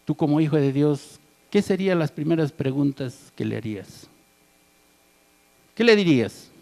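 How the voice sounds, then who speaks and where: A pastor with a fairly high, creaky and darkish voice delivers his sermon at a moderate pace with lively intonation. He keeps asking the congregation rhetorical questions, tacking "¿verdad?" ("right?") and "amén" ("amen") onto his points.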